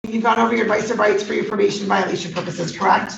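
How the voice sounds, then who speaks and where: A woman judge speaks firmly and formally, her voice slightly gravelly with a touch of fry. She comes through a courtroom recording made from a distance, roomy, echoey and dull. A little background hiss remains. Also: mid-range voice, steady tone. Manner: firm, measured, formal.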